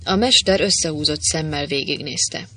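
A man narrates an adventure novel as an audiobook, his voice sitting a little high for a man. He keeps the storytelling brisk. He gives every character a voice of his own. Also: bright, forceful tone, slight background noise.

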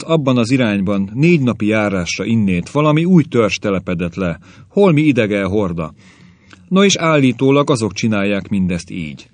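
A man's voice: on the low side, darkish tone, no room sound. A man voicing a grumbling old caveman grandfather who rants and complains about the young, in a story reading. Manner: querulous ranting.

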